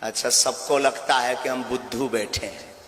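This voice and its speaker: A man preaching from a stage who scolds and commands, swinging between loud declarations and low muttering. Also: steady tone, moderate pace, echoey room, long reverb tail. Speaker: spiritual preacher holding court. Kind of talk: stage exchange before a crowd. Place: large hall with a stage.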